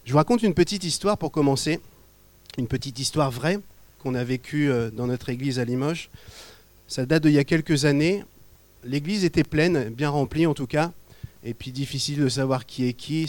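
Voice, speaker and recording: A man from Normandy preaching to his congregation, a pastor who tells stories in a loose, conversational way and often drops to quiet asides. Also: mid-range voice. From Normandy, France. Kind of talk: sermon with storytelling. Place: church.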